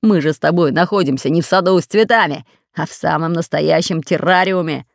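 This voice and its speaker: A woman's voice: low voice, brisk, gravelly, no room sound, clean studio sound. A woman voicing a fat red-bearded pirate captain who growls orders. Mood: impatient. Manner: growling, commanding.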